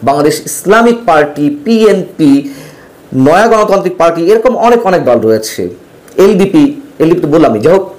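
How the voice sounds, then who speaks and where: A man's voice: a little high, a little mellow, low-quality recording. A man hosting a talk show, delivering a rhetorical, emphatic political commentary monologue in Bangladeshi Bengali. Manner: rhetorical, emphatic, lists names from memory.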